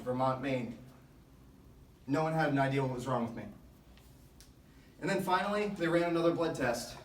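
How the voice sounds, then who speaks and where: A man with a slightly high voice delivers a motivational speech to a sports team. He tells his story earnestly and deliberately, stressing key phrases. The sound is very roomy, with the microphone some distance away. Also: a little hiss or hum. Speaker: motivational speaker. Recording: echoey room, distant microphone.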